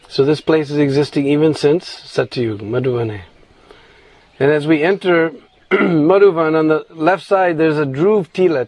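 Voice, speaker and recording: A man's voice: fairly high pitch, darkish tone, no room sound, low-quality recording. A man telling a scripture story in an informal sermon, meandering with restarts and frequent "you know".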